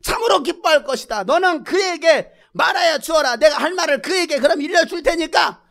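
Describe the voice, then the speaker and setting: A preacher doing God, booming and exasperated. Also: male voice, lively intonation, brisk, vocal fry, full character voice. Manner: booming, shouting rebukes. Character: exasperated God scolding a reluctant Moses.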